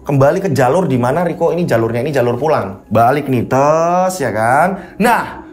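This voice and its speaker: A storyteller casually narrating a horror tale, with chatty asides and dramatic pauses. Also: male voice, medium pitch, expressive, a little hiss or hum. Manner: conversational, dramatic pauses, fillers like "ya kan".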